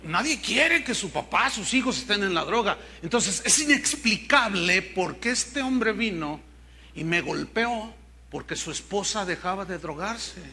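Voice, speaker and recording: A man's voice: sits high, animated, measured pace, bright, forceful tone. An older man from Mexico with a Mexican accent, a pastor preaching a sermon and telling stories with humor to his congregation. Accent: Mexican Spanish. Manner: storytelling preacher, jokes with the congregation.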